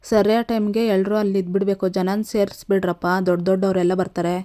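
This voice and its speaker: A woman's voice: medium pitch, little pitch movement, fast, warm tone, lightly acted. Woman reading a commanding village patriarch. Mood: firm. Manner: commanding, firm. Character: authoritative middle-aged male village politician, patriarch.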